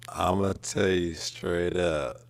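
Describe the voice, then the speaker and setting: A man's voice: deep voice, fairly even intonation, takes it slowly, vocal fry. A man on a dating show, talking casually and hesitantly with a lot of fillers. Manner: hesitant, many fillers, easygoing.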